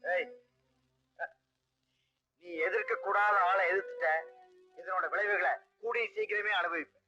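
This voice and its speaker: A sly scheming husband. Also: male voice, high voice, fairly even intonation, a little slow, bright, forceful tone, full character voice. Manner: wheedling, evasive. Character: sly scheming young husband, comic trickster. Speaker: film actor. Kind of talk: 1980s Tamil film dialogue. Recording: dull old film soundtrack with music.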